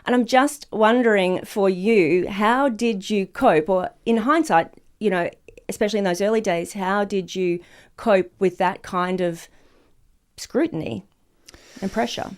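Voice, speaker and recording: A woman hosts an interview podcast, thoughtful as she asks her questions. Her voice sits at an average pitch for a woman. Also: a little slow. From Australia. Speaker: podcast host.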